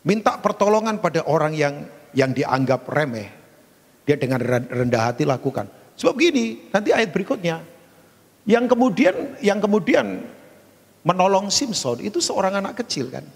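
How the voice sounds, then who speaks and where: A male pastor preaching a sermon, animated and acting out stories with big jumps in pitch. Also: normal speed, husky. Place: church hall. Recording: long hall reverb.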